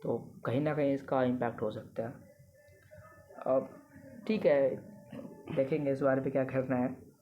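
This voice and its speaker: A man's voice: mid-range voice, fairly even intonation, unhurried, long pauses, over loud music. A young man from Bihar hosting a casual interview, speaking reflectively and mixing in English fillers. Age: young adult. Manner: reflective, mixes English filler words into Hindi. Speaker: host, interviewer. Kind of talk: casual conversation. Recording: dull lo-fi audio.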